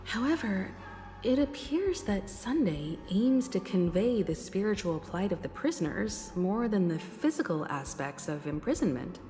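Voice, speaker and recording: A woman voicing a composed, analytical game companion in a measured, explanatory manner. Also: mid-range voice, big pitch swings. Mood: thoughtful. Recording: hall reverb, music behind.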